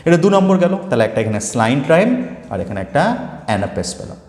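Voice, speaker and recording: Recorded in an echoey room with long reverb, a man goes through a poem line by line in an English poetry lesson, reading each line slowly and deliberately and dropping English terms into his explanation. His mid-range, darkish voice swings widely in pitch.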